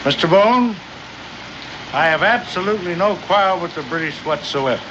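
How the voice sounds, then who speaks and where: High-voiced, scheming frontier father, western drama. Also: lively intonation, moderate pace. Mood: aggrieved. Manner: wordy, mock-formal, argumentative. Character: scheming, self-interested frontier father and horse thief. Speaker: actor in a television western. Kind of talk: 1960s TV western acting. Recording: muffled, noisy old TV soundtrack.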